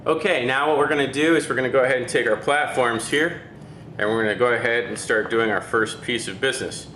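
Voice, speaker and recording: A man's voice: medium pitch, brisk, pushed and bright, roomy sound, a little hiss or hum. A man working as a chef, giving a step-by-step cooking demonstration and checking in with "okay?".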